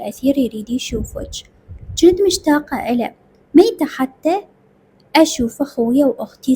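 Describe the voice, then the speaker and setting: A woman's voice: high voice, mellow, slight background noise. A woman with an Iraqi accent narrating a dramatic story in the first person, emotional and tearful. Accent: Iraqi Arabic.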